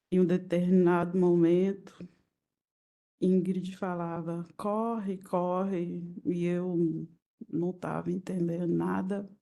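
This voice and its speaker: A woman with a Brazilian Portuguese accent gives courtroom testimony in a low, gravelly voice with a dark, mellow tone. She speaks very slowly in halting, broken-up phrases. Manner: halting, fragmented retelling. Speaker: victim testifying as witness.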